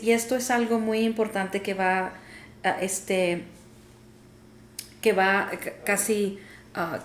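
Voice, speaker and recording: Woman sharing testimony, earnest, lots of ums, echoey room w faint background hum. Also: medium pitch. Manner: earnest, many hesitant fillers. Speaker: podcast co-host. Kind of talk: casual faith talk, personal testimony.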